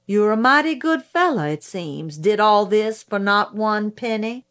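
A woman voicing a stern, scornful male prosecutor, talking slowly and cuttingly. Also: mid-range voice, a bit bright, lightly acted. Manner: slow, cutting, rising in outrage.

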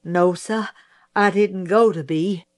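A humble young man answering on the witness stand, as a woman reads him. His replies are plain, polite and steady. He speaks slowly and without fuss. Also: medium pitch, lightly acted.

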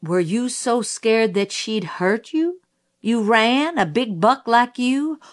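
A woman voicing a stern, scornful male prosecutor, talking slowly and cuttingly. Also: a little high, animated, pitched above the performer's own voice. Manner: slow, cutting, rising in outrage.

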